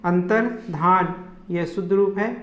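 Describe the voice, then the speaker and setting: High-voiced teacher drilling spelling. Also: male voice, little pitch movement, moderate pace, reverberant. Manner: drills correct and incorrect spellings, asking then answering. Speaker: Hindi grammar teacher. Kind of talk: exam-prep lesson.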